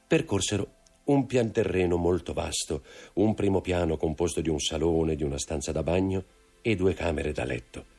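Man reading a novel aloud, low gravelly voice, a bit husky, faint music behind. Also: moderate pace, darkish tone. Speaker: audiobook narrator. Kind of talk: scripted narration.

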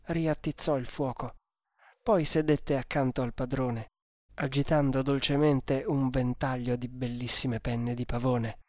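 A man narrating an adventure novel in a measured, theatrical reading. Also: mid-range voice, fairly even intonation, darkish tone, no echo, clean studio sound.

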